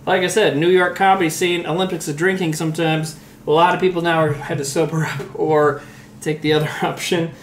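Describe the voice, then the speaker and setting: A comedian in his early forties streams while cooking, rambling through a casual story with laughs and swearing, sounding a little tipsy from rum. His fairly high voice is level in tone and a little fast. The room echoes, with faint noise behind.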